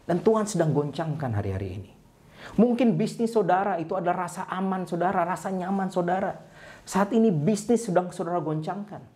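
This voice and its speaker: A man preaching an online sermon for an online service, telling a story with lively acted-out cries and dropping low and soft at the end of phrases. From Indonesia. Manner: animated storytelling, acts out a crying eaglet; ends phrases with a low, soft address to listeners. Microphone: online service broadcast.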